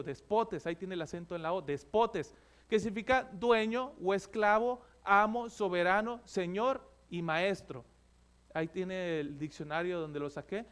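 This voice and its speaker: A pastor preaches a sermon in a high, light male voice. He explains word meanings and calls his listeners brothers.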